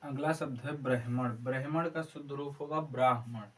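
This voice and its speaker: Casting note: male teacher running a slow spelling drill, repeating each word, recorded from a distance with faint noise. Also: mid-range voice, steady tone, a bit bright. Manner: slow, repeats each word several times while writing. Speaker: Hindi teacher. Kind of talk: exam prep lesson, word-by-word spelling drill.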